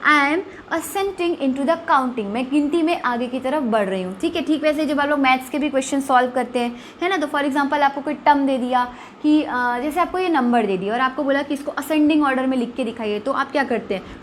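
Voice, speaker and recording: High-voiced woman teaching English words. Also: slight background noise. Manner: slow, spelled-out English examples with Hindi explanation; asks rhetorical questions to students. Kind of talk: classroom lesson explaining words.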